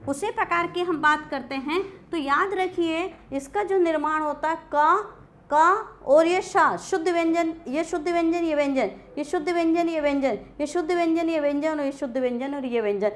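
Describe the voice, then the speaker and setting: A woman's voice: sits high, moderate pace. A woman teacher giving a classroom grammar lecture, asking questions and answering them herself. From India. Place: coaching class.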